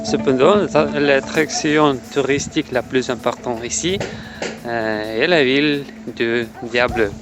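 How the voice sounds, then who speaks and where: A man from Russia with a Russian accent, a native Russian speaker, narrating a travel vlog in halting, careful phrases. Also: medium pitch. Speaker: travel vlogger. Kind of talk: scripted vlog narration in French. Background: music.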